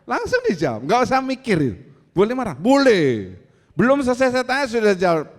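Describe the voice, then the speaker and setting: A man preaching a sermon as pastor, animated and teasing, acting out angry voices. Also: high-pitched, normal speed, big-room sound. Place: church.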